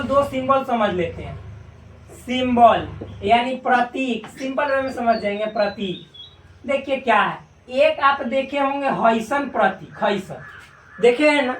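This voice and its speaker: A man's voice: extremely high pitch, a bit bright, far from the mic, slight background noise. Male maths teacher, chatty and jokey, drags out key words, heard from across a roomy class. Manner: joking, colloquial, drawn-out repetitions. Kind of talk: casual classroom lecture. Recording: echoey room, voice from afar.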